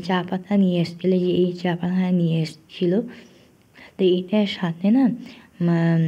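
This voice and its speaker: A woman narrates her home cooking vlog in a hoarse voice left by a recent cough. She chats in a homely way, addressing viewers as friends and filling pauses as she goes. The voice-over sounds dull and lo-fi. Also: lowish voice. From India. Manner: homely chatty talk to friends, frequent fillers. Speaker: cooking vlogger.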